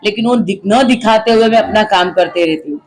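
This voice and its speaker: A middle-aged woman speaks as a local social activist being interviewed. She talks forcefully and with indignation, hammering her points home through repetition. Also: medium pitch, a little fast. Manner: forceful and indignant, repeats phrases for emphasis. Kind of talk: interview answers.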